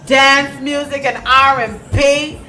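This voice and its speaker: A woman's voice: high-pitched, fairly even intonation, slow, bright, forceful tone. A woman radio host who interviews her guest in an enthusiastic, slangy, effusive way.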